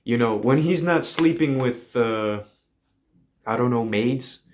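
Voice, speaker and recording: A man hosting a podcast, telling a rambling comedic monologue in a deadpan way with lots of fillers. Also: mid-range voice, slow pace, a little hiss or hum. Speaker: podcast host.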